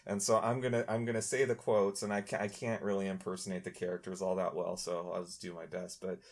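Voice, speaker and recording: A man's voice: sits low, little pitch movement, fast talker. A man co-hosting a podcast, casually chatting about a comedy film, laughing often and restarting his sentences. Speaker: podcast co-host. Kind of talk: casual film review chat.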